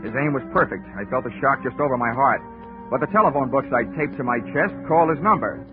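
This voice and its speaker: Over music, an actor voices a wry, laconic insurance investigator who narrates and leads a 1940s radio drama. He talks fast at a medium pitch with a lightly acted delivery, and the broadcast sounds tinny and old.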